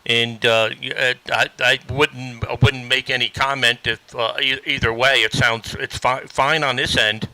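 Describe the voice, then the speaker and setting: A man's voice: medium pitch, steady tone, unhurried, hardly any pauses, sharp tone, no echo, rough recording. A man chatting on the air as an amateur radio operator, friendly and full of fillers. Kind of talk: casual radio chat. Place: remote ham radio station.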